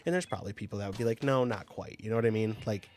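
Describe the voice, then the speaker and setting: A man's voice: fairly low pitch, very fast, darkish tone, slight background noise. A man in his twenties chatting casually on a livestream, telling rambling, profane stories with lots of filler words. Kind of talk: casual chat.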